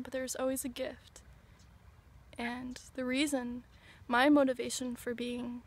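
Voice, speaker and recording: Dreamy young woman tripping on mushrooms, higher voice. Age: 20s. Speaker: vlogger. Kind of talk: reflective personal vlog to camera. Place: outdoors on a sandy riverbank. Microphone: camera or phone at arm's length. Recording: outdoor ambient noise, handheld camera.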